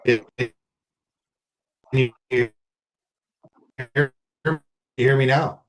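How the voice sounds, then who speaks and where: Halting voice breaking up on a video call. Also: medium pitch, fairly even intonation. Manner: hesitant, halting, checking whether heard. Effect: choppy, breaking-up video call audio. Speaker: councillor joining remotely.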